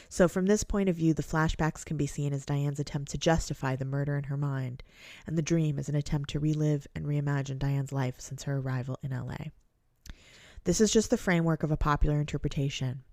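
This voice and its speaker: A woman's voice: sits low, a little mellow, no echo, clean studio sound. A woman co-hosting a podcast, reading passages aloud and chatting casually with fillers and some swearing. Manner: reads passages aloud then chats loosely with fillers and swearing. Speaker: podcast co-host.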